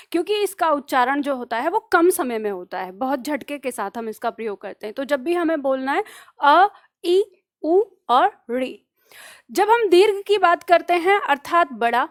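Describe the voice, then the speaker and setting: Woman, high voice, exam-prep teacher who dictates slowly and quizzes herself aloud. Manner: repeats phrases slowly for dictation; asks questions and answers them herself. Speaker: Hindi grammar teacher. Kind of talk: online exam-prep lesson.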